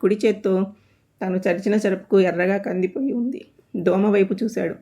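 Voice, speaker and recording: A woman's voice: medium pitch, fairly even intonation, moderate pace, dark tone. Woman reading a comic story aloud.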